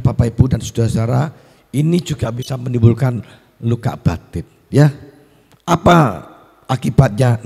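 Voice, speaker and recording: A man's voice: fairly low pitch, vocal fry, dark tone, slightly rough. A male pastor, giving a seminar talk to teachers in a school hall and telling stories that act out the voices he quotes. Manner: storytelling, acts out quoted voices. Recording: echoey hall.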